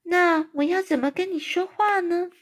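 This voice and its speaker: A woman voicing a small, brave, polite young girl in a storybook read-aloud, speaking in a bright, eager, childlike tone. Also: extremely high pitch, normal speed, pitched above the performer's own voice. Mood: hushed.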